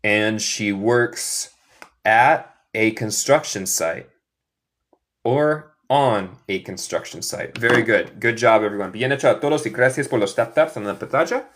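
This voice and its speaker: A man from Michigan teaching English in Spanish on a live stream, drilling phrases slowly and mixing both languages. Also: lowish voice, animated, a bit bright, a little hiss or hum. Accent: American English speaking Spanish. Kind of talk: live online English lesson for Spanish speakers.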